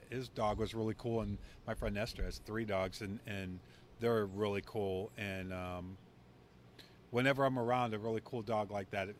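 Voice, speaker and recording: Low-voiced man hosting a casual chat. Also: slight background noise. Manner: candid, chatty, laughs easily. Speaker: podcast host. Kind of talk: casual conversation. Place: outdoor courtyard.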